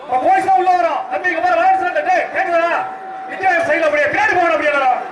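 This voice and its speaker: A man working as an arena announcer, barking short repeated orders through a public-address loudspeaker at an outdoor event. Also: extremely high pitch, steady tone, rapid-fire, heavy background noise. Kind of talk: shouted crowd-control commands. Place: outdoor bull-taming arena. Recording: echoey far-off outdoor loudspeaker, loud crowd.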